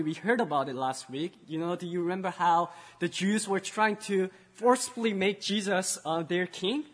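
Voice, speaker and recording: A male pastor giving a children's sermon, storytelling and swinging between loud emphasis and hushed tones. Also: high-pitched, slightly rough, long reverb tail.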